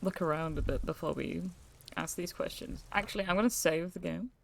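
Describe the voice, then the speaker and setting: A young British woman streaming a game, chatting casually and reading out her character's lines, with plenty of pauses and fillers. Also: lowish voice, gravelly, slight background noise. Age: young adult. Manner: chatty, reads player lines aloud, hesitant with fillers.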